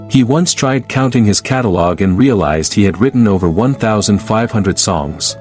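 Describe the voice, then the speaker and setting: A man narrating a scripted documentary tribute in a measured, solemn storytelling manner. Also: fairly low pitch, darkish tone. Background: background music.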